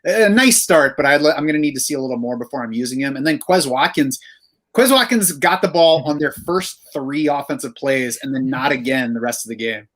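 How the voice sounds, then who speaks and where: Male podcast host, mid pitch, steady analytical chat. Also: brisk. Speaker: fantasy football analyst.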